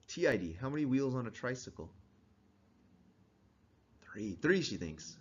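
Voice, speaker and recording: A male instructor giving a casual classroom lecture, quizzing students and chuckling now and then. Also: lowish voice. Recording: dull lo-fi recording.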